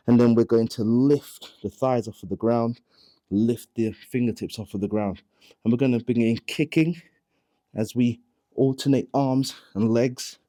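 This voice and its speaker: A man leading a mat Pilates workout, calmly cueing each movement and counting the reps, somewhat out of breath. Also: medium pitch. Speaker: Pilates instructor. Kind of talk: guided workout instruction.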